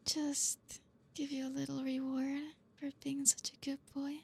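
A young woman whispering softly in an intimate ASMR roleplay, reassuring and coaxing, with frequent low hums. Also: gravelly. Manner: soft unvoiced whispering, slow and soothing.

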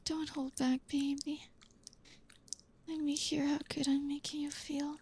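A young woman whispering softly in an intimate ASMR roleplay, reassuring and coaxing, with frequent low hums. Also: little pitch movement. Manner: soft unvoiced whispering, slow and soothing.

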